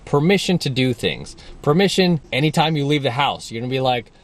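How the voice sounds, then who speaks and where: A man's voice: medium pitch, expressive, brisk. Guy coaching on dating, blunt, emphatic, keeps repeating his points. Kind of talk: monologue coaching video.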